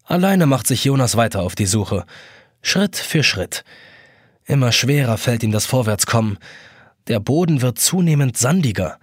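Brief: male storybook narrator, husky voice, very lively pitch, dry close sound. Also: normal speed, no echo. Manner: animated, acts out the characters. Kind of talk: expressive scripted story narration.

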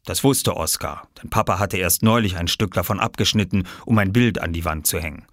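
A man narrating an audiobook in an expressive storytelling manner. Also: low-pitched, brisk, no room sound, studio quality.

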